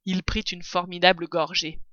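A woman reading a children's story aloud with expressive narration. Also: lowish voice, moderate pace, no room sound. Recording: dull, dry recording.

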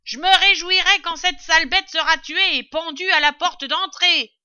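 A woman playing a large serving woman in a cellar, loud and grumbling. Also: fairly high pitch, steady tone, moderate pace, dry recording. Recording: dull lo-fi recording.

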